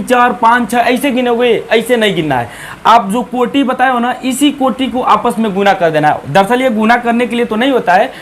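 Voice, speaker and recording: High-voiced chatty man teaching maths. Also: slight background noise. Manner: chatty, repeats "ठीक है ना", counts aloud. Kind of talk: casual Hindi classroom lesson.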